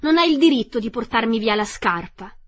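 A woman reading a storybook aloud, voicing a spirited young girl who shouts and pleads. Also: on the high side, lively intonation, brisk, no echo. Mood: angry.

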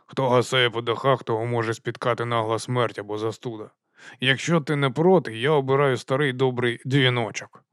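A man's voice: medium pitch, steady tone, fairly quick, a bit bright, no echo, clean studio sound, close to an everyday voice. A man voicing a scruffy, shifty older night-watch corporal who mumbles and grumbles. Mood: grumbling.

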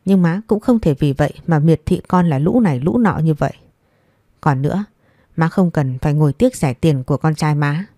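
A woman's voice: deep voice, animated, mellow, no echo, studio quality. A woman voicing a young daughter-in-law who answers politely but firmly. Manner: respectful, measured, firm.

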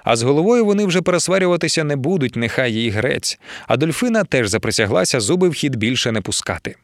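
An expressive male narrator reading a novel aloud, his pitch moving in a lively way. The voice is recorded close and dry, with no room sound. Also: quick pace, no echo. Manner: expressive storytelling. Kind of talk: audiobook reading.

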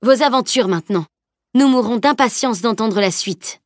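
A woman reading a composed, authoritative male leader who speaks in a measured way. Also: a little high, dry recording, clean studio sound, voice pushed up, natural voice. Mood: warm. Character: stern, composed male leader, man of arms.

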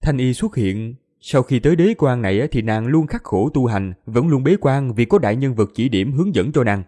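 A man narrating a fantasy audiobook in an expressive storytelling manner. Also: medium pitch, normal speed, breathy edge. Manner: expressive storytelling, voices all characters.

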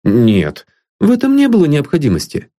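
A man's voice: fairly high pitch, wildly swooping pitch, normal speed, dark tone, voice pushed up. A man voicing an earnest good-natured young man.

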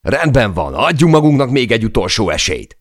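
A man voicing an exhausted, seasick sailor who shouts against a storm in an audiobook. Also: medium pitch, very animated, no echo, clean studio sound, pitched above the performer's own voice. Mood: exasperated. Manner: shouting, desperate. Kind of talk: audiobook character voice.

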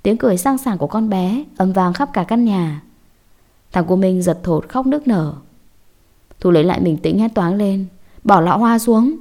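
A woman telling a scripted horror story in a measured, dramatic way. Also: medium pitch, animated, warm tone.

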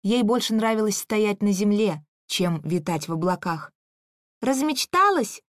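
A woman narrating her own story in the first person, calm and reflective. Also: medium pitch, normal speed, no room sound, studio quality.

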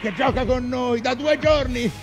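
An actor playing an old, obsessive, commanding whaling captain in a grandiose theatrical monologue. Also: male voice, very high-pitched, music in the background. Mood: commanding, solemn. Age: older. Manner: grandiose, commanding, impassioned, slow deliberate phrasing.

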